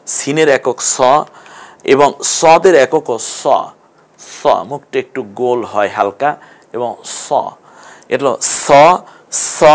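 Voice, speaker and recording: A middle-aged man teaching an online Quran class, slowly drawing out Arabic letter sounds for learners to repeat. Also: mid-range voice.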